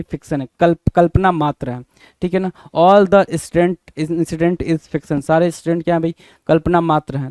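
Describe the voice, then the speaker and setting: Casual male vocab tutor, drills and spells words, mellow smooth tone, dry close recording. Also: on the high side, no room sound. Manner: repeats words, spells them out letter by letter, asks and answers himself; informal, addresses students as brother. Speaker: English vocabulary teacher. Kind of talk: exam-prep lesson, call and response.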